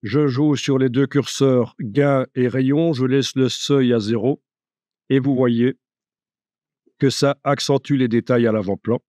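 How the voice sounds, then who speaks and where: A man giving a live software tutorial, chatty and joking, thinking aloud as he works. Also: mid-range voice, steady tone, unhurried, no room sound, clean studio sound. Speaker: software instructor.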